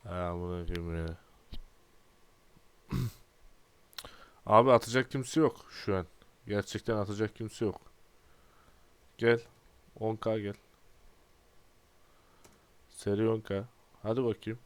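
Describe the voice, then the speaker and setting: Smooth low-voiced young man grumbling. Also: steady tone, takes it slowly, pauses often, no room sound. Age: 20s. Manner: exasperated, grumbling, frequent throat clearing. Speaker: gaming YouTuber. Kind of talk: casual gameplay commentary.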